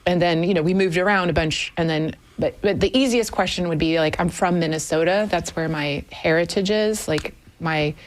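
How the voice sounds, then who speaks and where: Woman, fifties, radio guest, candid, thoughtful, fillers, low pitch. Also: normal speed, few pauses. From Germany. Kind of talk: conversational radio interview. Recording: radio studio.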